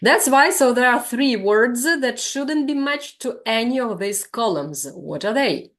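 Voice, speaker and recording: A woman's voice: fairly high pitch, lively intonation, unhurried. A woman with a Ukrainian accent running a teacher-training lesson, patiently repeating words to model their pronunciation.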